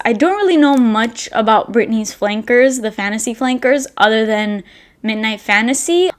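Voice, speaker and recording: A young woman giving a casual, chatty product review to camera in informal speech peppered with filler words like "like" and "literally". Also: a little high. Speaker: perfume review vlogger.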